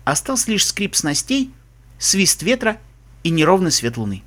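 A man's voice: sits high, sing-song, normal speed, a bit bright. A man narrating a story aloud, telling it expressively. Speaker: audiobook narrator. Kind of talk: scripted narration.

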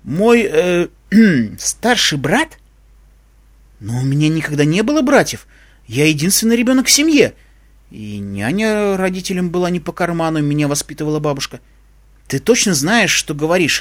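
Brief: bookish young mare, earnest and sharp, read by a male narrator. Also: on the high side, sing-song, fast. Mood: indignant.

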